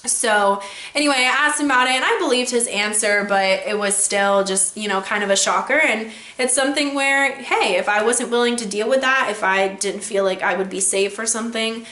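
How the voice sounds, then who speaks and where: A woman's voice: a little high, moderate pace, bright, forceful tone, echoey room. A young woman giving casual dating advice in a vlog, chatty and rambling with lots of fillers. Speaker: vlogger.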